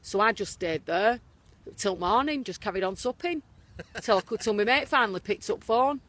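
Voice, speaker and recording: A woman's voice: mid-range voice, animated, normal speed, fairly bright tone. A woman with a Northern English accent, in her thirties, chatting casually outdoors on a street and telling stories in a dry, teasing way. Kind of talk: casual chat.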